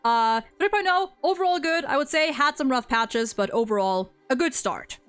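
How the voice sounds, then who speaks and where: A young woman's high-pitched, animated voice, fairly bright in tone, moves at a moderate pace as she discusses a game's story casually. As a streamer and discussion host, she speaks with informal enthusiasm and lots of "like", while music plays underneath.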